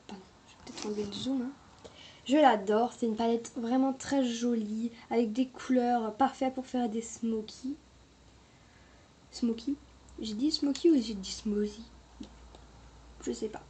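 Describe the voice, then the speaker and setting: Woman chatting thru a makeup review, kinda high mellow voice, says sorry a lot, faint hiss. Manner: chatty, hesitant, apologizing often. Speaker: beauty vlogger.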